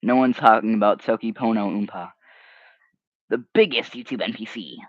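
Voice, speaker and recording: This young livestream host, a native Hebrew speaker, has a fairly low voice and moves at a moderate pace while chatting and reading comments. He rambles animatedly and drifts into mumbles now and then. His home mic is dry and slightly muffled, with no room sound.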